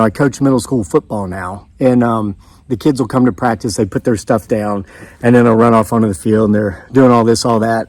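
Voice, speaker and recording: A man's voice: mid-range voice, a little mellow, dry recording. A man of fifty telling a rambling personal story in a casual, conversational way, with frequent asides to his viewers. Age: 50s. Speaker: channel host. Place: outdoors.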